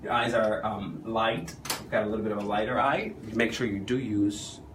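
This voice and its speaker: A man's voice: lowish voice, normal speed, noisy background. A man working as a makeup artist, chatting through an on-camera makeup demonstration and often asking questions. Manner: animated, chatty, asks the viewer questions.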